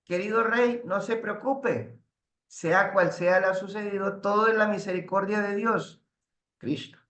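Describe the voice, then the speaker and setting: Man doing a calm wise minister soothing the king, formal, kinda high voice. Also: measured pace. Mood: reassuring. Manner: gently reassuring, formal. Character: wise calm male royal minister giving counsel. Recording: roomy echo.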